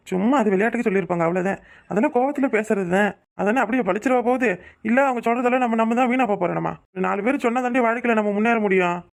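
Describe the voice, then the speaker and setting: Man voicing a young husband, cartoon, reassuring, gravelly voice, fast. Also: very high voice. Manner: soothing, reassuring. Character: young poor husband, tender toward his wife. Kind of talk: cartoon voice acting.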